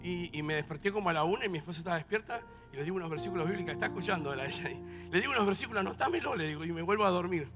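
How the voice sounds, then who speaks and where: High-voiced Argentine pastor preaching over music. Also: male voice, very fast. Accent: Rioplatense Spanish. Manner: swings from soft storytelling to shouted exhortation. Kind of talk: sermon. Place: church. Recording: live church service with music underneath. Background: worship music.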